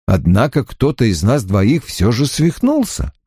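A man narrating an audiobook in a deliberate, expressive way. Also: medium pitch, husky, dry recording, clean studio sound. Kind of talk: audiobook reading.

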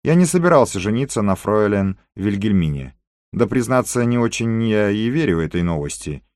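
A man voicing an excitable, talkative Frenchman in an audiobook, speaking with animated emphasis. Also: fairly low pitch, moderate pace, no room sound, studio quality. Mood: flustered.

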